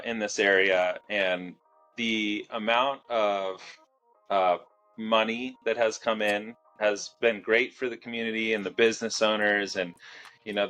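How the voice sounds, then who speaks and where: A man's voice: lowish voice, unhurried, soft background music. A man from Southern California, a fitness studio owner talking casually as a guest in an interview, with lots of fillers. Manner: relaxed, many fillers.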